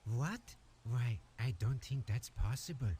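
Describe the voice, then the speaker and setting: An actor voicing a fussy, self-important male collector of rare voices in an adventure game, speaking in a measured way. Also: mid-range voice, lively intonation, warm tone, a little hiss or hum, natural voice. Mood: haughty. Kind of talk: game voice acting.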